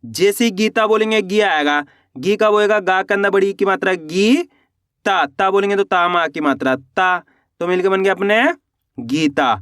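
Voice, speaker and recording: A man teaching a reading lesson, spelling words out slowly syllable by syllable, asking questions and then answering them himself. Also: high voice, fairly bright tone, smooth, no room sound, clean studio sound. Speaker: Hindi teacher.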